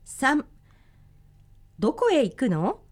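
A woman's voice: high-pitched, huge pitch swings, slow pace. A woman co-hosting a language lesson, reading numbered translations of example sentences in a cheerful way. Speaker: lesson co-host.

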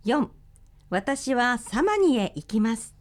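High, lively woman co-hosting a lesson. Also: slow pace. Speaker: lesson co-host. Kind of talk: reading example sentences and translations.

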